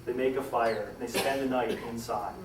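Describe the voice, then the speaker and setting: A man's voice: fairly even intonation, normal speed, noisy background. A man telling a historical story to a live audience, acting out the characters' lines with dramatic swings in voice. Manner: dramatic, acts out quoted lines with rising pitch and volume. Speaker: historical storyteller giving a talk. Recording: echoey room, distant mic, faint ambience.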